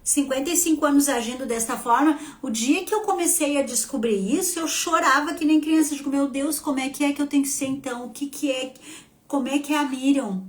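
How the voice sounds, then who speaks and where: A woman in her fifties with a southern Brazilian accent from Rio Grande do Sul, giving an emotional personal testimony on a live stream. She swings between hushed and loud and talks to herself as she speaks. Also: sits high, brisk. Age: 50s. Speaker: spiritual therapist and live host.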